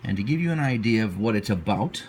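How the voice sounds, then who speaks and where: A man's voice: fairly low pitch, expressive, quick pace, darkish tone. A man giving a casual, unscripted product review as a reviewer, hesitant and often repeating himself as he searches for words. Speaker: pipe tobacco reviewer. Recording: noticeable background noise.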